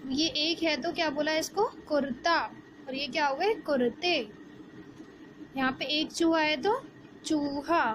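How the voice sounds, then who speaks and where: A woman, teaching a Hindi lesson to young children and asking the class questions as she explains slowly. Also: sits high. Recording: background noise.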